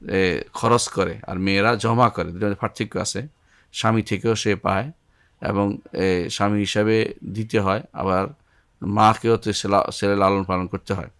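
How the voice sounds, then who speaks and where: Older man teaching, deep and dry. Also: fairly bright tone, no room sound. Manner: recites Arabic verses then explains in Bengali, repeating key phrases; halting, restarts words. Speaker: Islamic studies teacher. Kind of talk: religious lesson, verse-by-verse explanation.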